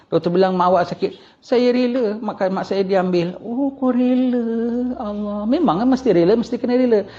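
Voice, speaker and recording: A male religious teacher with a Singaporean Malay accent giving a lively, colloquial lecture, acting out the voices of the people he quotes. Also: high-pitched. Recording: dull lo-fi lecture recording.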